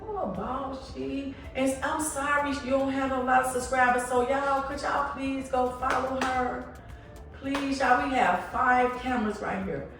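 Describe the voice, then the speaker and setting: A woman's voice: high-pitched, steady tone, a little slow, music in the background. A woman over fifty, chatting casually with friends on a trip and gushing with praise. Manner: effusive, repeats herself, loud bursts. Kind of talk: casual chat. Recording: echoey room from far off.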